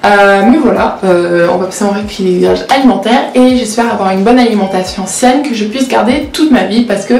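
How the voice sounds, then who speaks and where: She talks a little fast with hardly any pauses, her mid-range voice darkish and edged with vocal fry. The 19-year-old law student and vlogger, whose first language is Portuguese, chats candidly and self-mockingly while often hesitating, in a roomy, echoing space.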